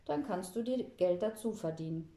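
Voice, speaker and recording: A dry, teasing old grandfather from India, as a woman reads him out in a children's storybook. The voice is mellow and dark, and the calm, wry delivery carries a roomy echo. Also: mid-range voice, normal speed, natural voice.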